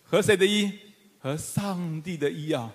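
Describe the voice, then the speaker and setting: A middle-aged man pastor preaching a sermon, animated and fervent, with humorous asides to the congregation. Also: fairly high pitch, measured pace. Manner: animated, rising to fervent emphatic calls. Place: church sanctuary with congregation. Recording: long church hall reverb.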